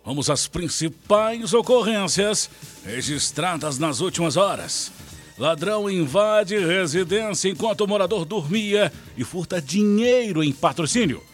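A Brazilian man reads a scripted radio crime bulletin in a fairly high voice. His intonation is very lively, and faint music runs behind him. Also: unhurried. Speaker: radio police-news reporter.

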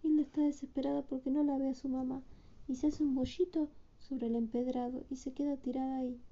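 A woman's voice: high-pitched, level tone, a little fast, mellow. A woman casually retelling a storybook and doing voices for the characters, on a dull lo-fi recording.

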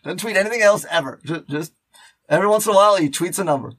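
An expressive man with a high, somewhat bright voice co-hosts a podcast. He talks loosely without a script, meandering and faltering, often repeating words and restarting his phrases.

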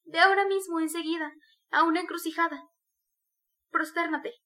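A woman's voice: a little high, little pitch movement, a little fast, fairly bright tone, close to an everyday voice. A woman reading the part of a devout, desperate young woman who pleads with tearful urgency. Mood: pleading.

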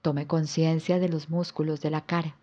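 A woman yoga instructor guiding a yoga nidra relaxation with soft, calm instructions. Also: sits low, moderate pace, dull audio.

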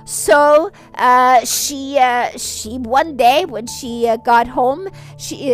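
Homely woman storyteller. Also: high-pitched. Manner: homely, halting, with fillers and retellings. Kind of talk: bilingual oral storytelling.

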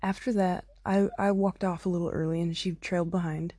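A chatty young woman recording herself on her phone, piling on fillers and playing out each line of dialogue. Her voice is mellow and slightly husky, sitting a little low. The sound is close and dry, with no room around it. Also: level tone, a little fast, no room sound. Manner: chatty, lots of "like" and "oh my God", acts out quotes. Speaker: podcaster telling a concert story. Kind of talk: casual storytelling.

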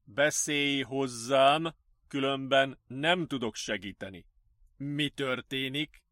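A man voicing a calm male psychiatrist who speaks slowly and firmly, in an audiobook. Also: medium pitch, no echo, clean studio sound, lightly acted. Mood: soothing. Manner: slow, soothing and firm. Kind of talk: audiobook character voice.

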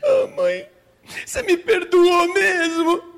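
A male preacher voicing a tearful, guilt-ridden little girl in a high, sobbing voice during a sermon story. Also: lively intonation, slow, vocal fry, in a large hall, exaggerated voice. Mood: tearful, pleading. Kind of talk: sermon illustration.

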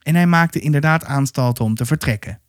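A man's voice: fairly high pitch, a little fast, no room sound, clean studio sound. Man reading a children's book aloud. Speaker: storyteller.

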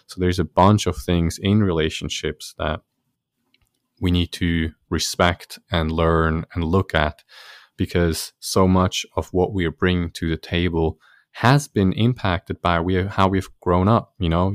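A man with a very low, deep voice talks through relationship advice in an earnest, explanatory way. The sound is dry and close, with no room around it. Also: no room sound. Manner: earnest, explanatory, laughs easily. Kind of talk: conversational interview answer.

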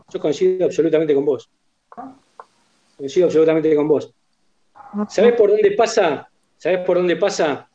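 A man's voice: a little high, dark tone, lo-fi sound, slight background noise. A man with an Argentine accent, hosting a casual chat and telling an anecdote, repeating phrases for emphasis. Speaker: host.

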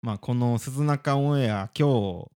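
A young man co-hosting a casual radio chat, teasing and animated, often mimicking phrases in a mock dialect. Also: mid-range voice, unhurried, clear, resonant tone. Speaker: podcast co-host.

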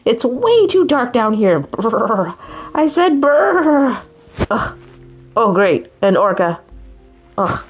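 Woman voicing a grumbly little penguin for a storybook, whiny and sighing, bouncy high pitch. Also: big pitch swings, slow, pauses often, slightly rough, faint music behind, heavily acted. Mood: grumbling. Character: grumpy complaining young penguin.

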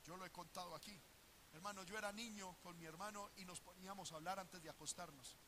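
A male preacher delivering a sermon, animated, calling listeners brother and acting out voices. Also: high voice, quick pace, background noise.

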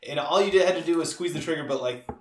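Rambling podcast co-host; man with a bright, slightly high voice, roomy echo. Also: a little hiss or hum. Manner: rambling, halting retellings. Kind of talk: casual movie chat.

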